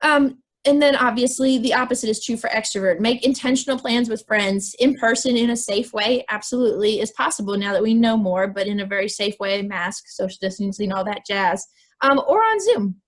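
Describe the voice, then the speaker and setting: A woman with a squeaky, fairly high voice gives an informal, encouraging wellness talk to students. She speaks in a chatty way, full of fillers. The sound is that of a video call. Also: a little fast. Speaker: wellness presenter.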